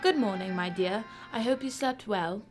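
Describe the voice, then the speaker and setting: A woman playing a composed, analytical female Sherlock Holmes in an amateur radio drama, speaking in a measured, formal and precise way. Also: medium pitch, soft background music, close to an everyday voice. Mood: pleased.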